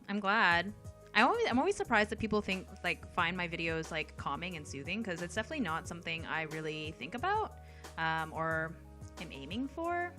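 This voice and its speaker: Hosting an art livestream, a young Canadian woman chats casually and reads out viewer comments. Her soft voice sits at a medium pitch, sprinkled with plenty of ums and light laughter.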